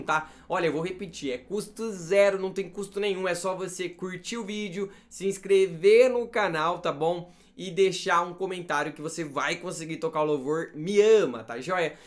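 A man teaching a casual guitar lesson, calling out chords and strum directions and checking in often with the viewer. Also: on the high side. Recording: loud guitar under the voice.

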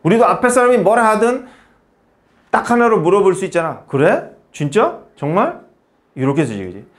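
A male teacher explaining grammar in a relaxed, conversational way, often asking a question and answering it himself. His voice sits a little high for a man and rises and falls with plenty of movement. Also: quick pace. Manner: explains patiently in short spoken phrases, asking and answering his own questions. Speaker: English teacher. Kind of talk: casual grammar lesson in Korean.

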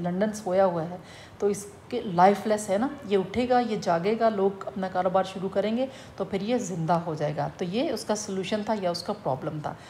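A woman teacher with a Pakistani accent explains a poem to students, mixing English terms into her speech and dictating English definitions very slowly. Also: mid-range voice, darkish tone, a little hiss or hum. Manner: addresses students as "beta".

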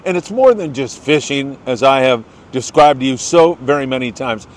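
This is the host of a fishing report show, an older American man with a medium-pitched, expressive voice moving at a moderate pace. The show is casual, and he stays chatty, folksy and enthusiastic while calling out congratulations to people by name.

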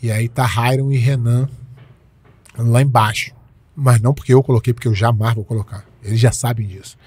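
A man's voice: mid-range voice, fairly even intonation, brisk, darkish tone, breathy edge. A Brazilian man in his forties, a jiu-jitsu coach telling stories in a casual interview, emphatic and repeating his points with slangy speech. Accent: Brazilian Portuguese.

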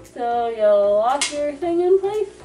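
A woman's voice: sits high, very animated, slow, over music. A young woman chatting in a sarcastic, self-mocking way in a home kitchen, her voice muffled inside a costume head. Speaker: vlogger. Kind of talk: casual vlog chat.

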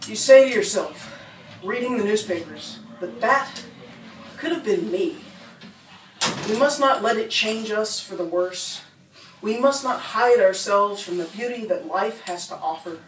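Expressive and a little slow, a middle-aged American woman performs her spoken word poetry with a rhythmic, rhyming flow and small laughs between pieces. Her voice sits at a medium pitch. She stands at a mic in a bookstore reading room, filmed from a distance, so the audio is roomy with a faint hum.

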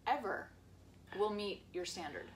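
A woman's voice: mid-range voice, expressive, measured pace, a little hiss or hum. A woman who grew up in Japan, trading snarky, teasing banter with her husband in a casual vlog recorded in a yurt. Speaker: host's wife, co-host. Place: yurt in the mountains.

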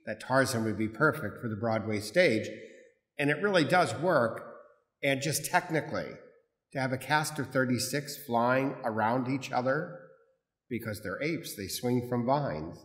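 A man, a priest, reading the gospel and preaching in a measured, formal way, his voice carrying a cathedral echo in a large church. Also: medium pitch, fairly bright tone. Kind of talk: proclaiming the gospel and preaching a homily. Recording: long echoey hall reverb from a big church.

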